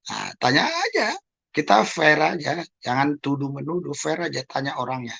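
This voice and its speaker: Gravelly guy on his channel clearing his name, keeps asking why so touchy, talks straight to the viewers. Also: on the high side, big pitch swings, normal speed, pushed and bright. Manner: emphatic, repeats rhetorical questions; addresses listeners as "Saudara". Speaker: YouTube channel host. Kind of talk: clarifying monologue to viewers.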